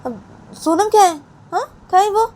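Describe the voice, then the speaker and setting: A woman's voice: lowish voice, moderate pace, mellow, a little hiss or hum, lightly acted. A woman voicing a strict mother who scolds and orders her child to study. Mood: scolding. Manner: scolding, bossy, repetitive.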